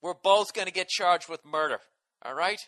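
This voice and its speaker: A man's voice: sits high, moderate pace, a bit bright. Profane ranting man with a Boston accent. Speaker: podcast host. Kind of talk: solo podcast rant.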